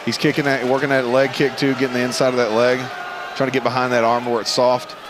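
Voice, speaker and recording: A man's voice: mid-range voice, little pitch movement, quick pace. A man giving conversational live play-by-play as a fight commentator, often repeating his phrases. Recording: noisy venue with crowd behind.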